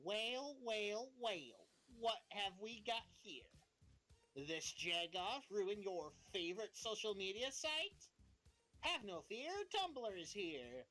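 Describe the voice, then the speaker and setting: A woman streamer reads a post aloud in a hammy, theatrical way, her pitch bouncing widely. Her voice sits in an ordinary middle register. Soft music plays faintly behind her. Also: sing-song, slow pace, poor audio. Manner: dramatic, theatrical reading voice. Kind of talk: casual stream chat, reading a post aloud.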